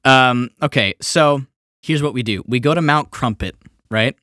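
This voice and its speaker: A man's voice: medium pitch, unhurried, sharp tone, dry recording, studio quality. A man co-hosting a podcast, spinning a playful plan and laughing often in casual chat. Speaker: podcast co-host.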